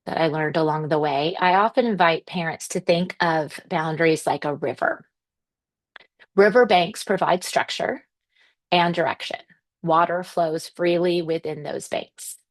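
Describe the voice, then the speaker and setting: A woman giving a workshop presentation to parents, explaining things in a gentle, reassuring, measured way. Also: lowish voice.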